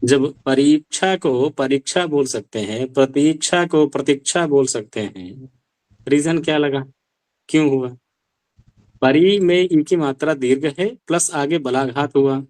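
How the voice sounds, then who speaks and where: A man's voice: on the high side, measured pace, darkish tone, no echo. A male Sanskrit teacher giving an online language class, explaining step by step and asking rhetorical questions.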